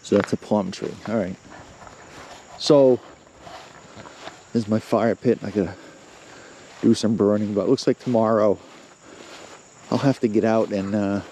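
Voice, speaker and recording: Filming himself strolling his rural yard, this middle-aged vlogger rambles in a fairly low, dark voice, slightly winded as he goes. He speaks plainly and leans heavily on filler words, while crickets and faint outdoor sounds murmur behind him.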